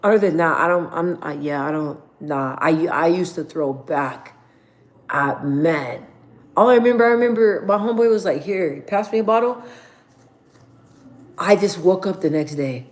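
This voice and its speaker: A woman in her thirties talks to her livestream viewers from her mother's house, speaking into a phone held at arm's length. Her voice sits a little low for a woman, and she rambles in casual slang, full of fillers and restarts. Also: normal speed. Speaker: livestream host.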